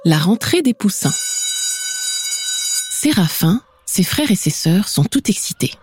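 A woman reading a children's story aloud in a lively, expressive way. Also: mid-range voice, unhurried, slight background noise.

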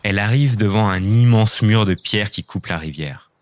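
A man reading a children's story aloud, clear and expressive. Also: fairly low pitch, moderate pace, a little hiss or hum.

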